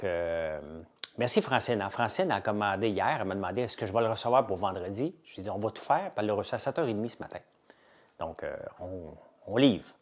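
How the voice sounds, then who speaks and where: A middle-aged man with a strong Québécois French accent talks casually to his live-stream viewers. He sounds chatty and keen, like an upbeat salesman. His voice sits a little on the low side. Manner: chatty, enthusiastic salesman, lively and animated. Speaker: entrepreneur hosting a live chat.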